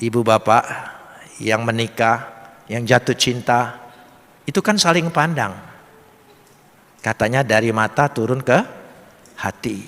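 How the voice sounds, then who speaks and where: A man preaching a sermon, swelling to emphatic peaks and dropping to quiet, earnest stretches. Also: medium pitch, slow, pauses often. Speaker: pastor. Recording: long hall reverb.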